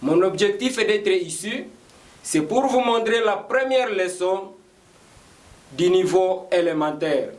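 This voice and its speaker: A man from the Democratic Republic of the Congo teaching a beginner English lesson, slowly repeating every phrase. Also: high voice, lively intonation. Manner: slow, repetitive, spelling out each word. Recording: echoey room, voice from a distance.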